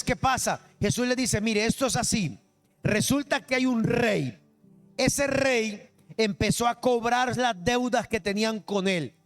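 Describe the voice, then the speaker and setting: Male pastor, high voice, emphatic sermon delivery, faint music underneath. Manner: emphatic preaching, quizzing the congregation. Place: church service.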